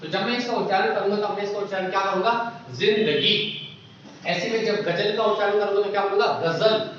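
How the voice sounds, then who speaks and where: A man's voice: high-pitched, steady tone, racing, a bit bright, heavy reverb, distant mic, muffled recording, slight background noise. A man teaching a Hindi grammar lesson for exam prep. He asks questions and answers them himself, and he keeps repeating the key terms.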